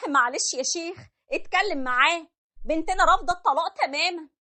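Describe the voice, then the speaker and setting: A woman voicing an older, protective mother, shrill and pleading, with an Egyptian accent. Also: fast talker, pushed and bright. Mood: distraught. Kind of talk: animated story voice acting.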